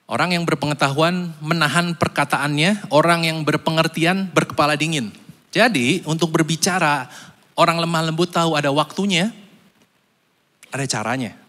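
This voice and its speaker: A fairly high-voiced man preaching. He is animated, leaps in pitch when he acts out quotes, and drops English phrases into his sermon. His voice rings with the long reverb of a large church hall. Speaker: pastor.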